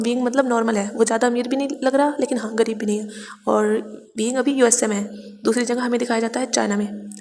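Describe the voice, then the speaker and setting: A woman's voice: on the high side, a little mellow, in a large hall, slight background noise. A woman casually retelling a fan fiction story, talking in a conversational way with many small restarts. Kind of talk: casual story recap narration.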